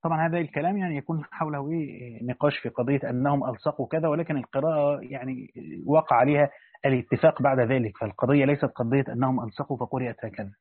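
A man's voice: medium pitch, steady tone, rapid-fire, breathy edge, no room sound. A man with an Egyptian accent reading a classical Quran commentary aloud and breaking off into casual explanations with fillers. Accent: Egyptian Arabic. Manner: reads the text then explains in casual colloquial asides with fillers. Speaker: Quran commentary reader and teacher. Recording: tinny phone-like lo-fi audio.

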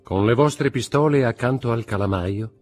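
A man voicing a mysterious nobleman who speaks calmly, gently and firmly, with a husky voice. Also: medium pitch, moderate pace, soft background music, pitched above the performer's own voice, close to an everyday voice. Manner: calm, gentle, firm.

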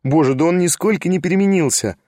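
A man voicing a lively, impulsive young noblewoman who talks quickly and eagerly, in a storybook reading. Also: on the high side, dry recording, clean studio sound, pitched above the performer's own voice, lightly acted.

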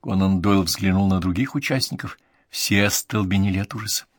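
A man's voice: sits low, fairly quick, no echo, studio quality. A man narrating an audiobook in a dramatic reading style.

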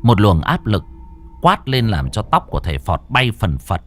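Expressive male ghost story narrator. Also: lowish voice, normal speed, soft background music. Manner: dramatic, expressive.

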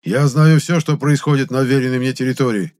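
A man's voice: medium pitch, brisk, darkish tone, pitched above the performer's own voice, natural voice. A man voicing a smug middle-aged town head who leads a cult, self-assured and self-important. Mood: commanding.

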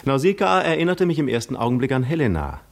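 An actor playing Odysseus as a cunning, self-assured Greek war veteran, recounting memories in a measured, articulate 1950s radio drama monologue. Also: male voice, mid-range voice, sing-song, vocal fry. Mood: reflective, self-assured. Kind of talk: 1950s radio drama monologue, literary first-person narration.

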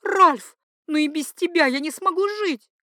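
A woman's voice: lively intonation, normal speed, no room sound, studio quality. A woman playing a tearful, scheming young duchess. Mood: desperate pleading. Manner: high, breathless, pleading.

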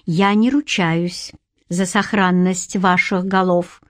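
A woman voicing a calm, secretive adult man in an audiobook. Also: fairly low pitch, slow, no echo, studio quality. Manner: calm, level.

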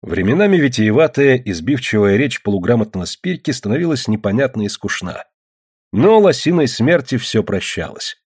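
A man narrating an audiobook in an expressive storytelling manner. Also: medium pitch, moderate pace, breathy edge.

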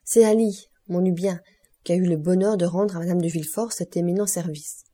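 A woman voicing a composed, courteous middle-aged count in an audiobook, measured and polite. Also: lowish voice, steady tone, dark tone, natural voice. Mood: courtly.

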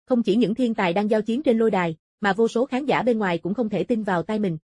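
A woman reading a scripted fantasy martial-arts story as an audiobook narrator, with a husky, soft-edged voice. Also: medium pitch, fast, dry recording, clean studio sound.

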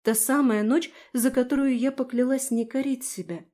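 A woman narrating a first-person fantasy audiobook in an expressive, storytelling manner. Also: high voice, normal speed.

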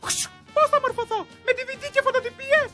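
A woman voicing a defiant teenage student who occupies a school, in a shrill, cheeky manner. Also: over music.

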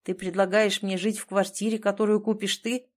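A woman reading an audiobook and voicing a stubborn, proud man who speaks in a low, hollow, guarded tone. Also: little pitch movement, brisk, natural voice. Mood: tense. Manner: clipped, tense and reluctant. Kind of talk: audiobook character voice.

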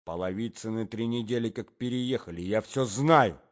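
A man's voice: on the low side, moderate pace, natural voice. A man playing a jealous, agitated young man who speaks with indignant urgency, on a dull lo-fi recording.

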